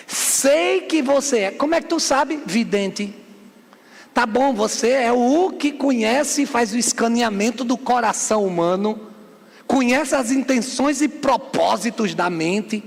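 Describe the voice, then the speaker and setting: A bishop preaches a fiery sermon, firing rhetorical questions at his congregation. His voice sits very high for a man and has a gravelly, creaky grain. It rings out with the long reverb of a large church hall. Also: expressive, unhurried.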